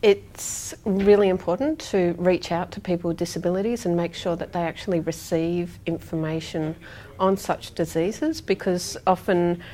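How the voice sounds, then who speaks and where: A woman giving an earnest, deliberate advocacy statement. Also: fairly low pitch, steady tone, mellow.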